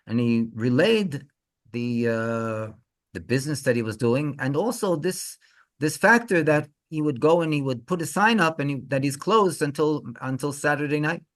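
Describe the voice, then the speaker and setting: A male rabbi telling a story in an animated, halting way, often repeating words. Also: medium pitch. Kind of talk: storytelling talk.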